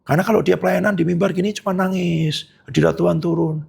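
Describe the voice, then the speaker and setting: A male pastor giving a sermon in an animated, conversational way, with many tag phrases. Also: high-pitched, quick pace, creaky, husky.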